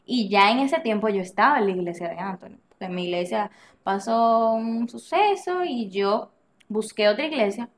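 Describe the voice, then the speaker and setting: Animated woman telling a personal story. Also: medium pitch, normal speed. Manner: animated, acts out quoted dialogue, frequent restarts and laughs. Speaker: podcast guest. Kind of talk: personal storytelling in casual conversation.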